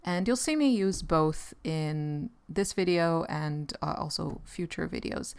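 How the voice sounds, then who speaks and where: A woman with an Israeli accent chatting casually about her art while she paints, relaxed and rambling. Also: low voice, measured pace, vocal fry, smooth. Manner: relaxed, rambling, with light laughs. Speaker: artist and channel host.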